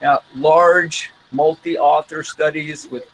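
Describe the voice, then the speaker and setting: A man teaching an online science class with live demonstrations, telling stories in an animated way and acting out little scenes. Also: a little high, slight background noise, rough recording. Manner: animated storytelling, acts out scenes in quick asides.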